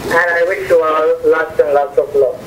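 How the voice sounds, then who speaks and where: A woman's voice comes through a phone line into the studio, with a steady hiss of noise under it. She is a caller giving a dedication as a contestant's mother, and she talks in short, simple phrases. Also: sits low, normal speed. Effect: heard over a phone line. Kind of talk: call-in dedication.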